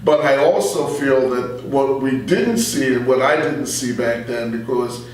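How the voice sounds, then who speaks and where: In a strongly echoing room, far from the microphone, a mid-pitched middle-aged man speaks as the guest in a radio journalist's conversational political interview. His delivery is earnest and halting, with repeated phrases.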